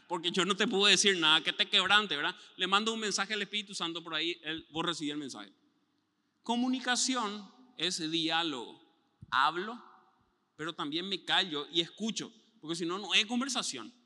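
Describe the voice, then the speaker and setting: Pastor, male, lively storytelling preacher, bright high voice, church hall reverb. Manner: animated storytelling with mimicked sounds and voices. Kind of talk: sermon.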